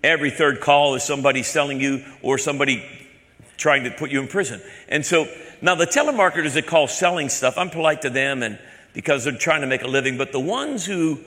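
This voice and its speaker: Preaching with repetition that builds and builds, this male Southern pastor speaks fairly fast in a sharp, fairly high voice. His sermon echoes through a hall with long reverb.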